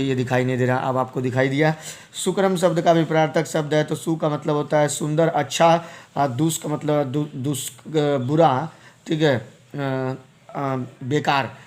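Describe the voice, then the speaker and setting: Man, teacher, slightly high voice, repeats terms, stretches vowels. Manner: explains step by step, repeats terms, drawn-out vowel sounds. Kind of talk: exam-prep lesson.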